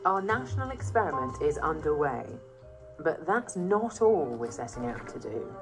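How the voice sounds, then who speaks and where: A woman with a British accent presenting and narrating a documentary in a clear, measured, explanatory way. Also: low voice, big pitch swings, poor audio. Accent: British English. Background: documentary music.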